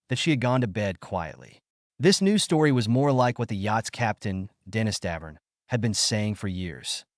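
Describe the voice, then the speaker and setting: A man reading a scripted documentary narration in a measured storytelling manner. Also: lowish voice, dry recording, clean studio sound.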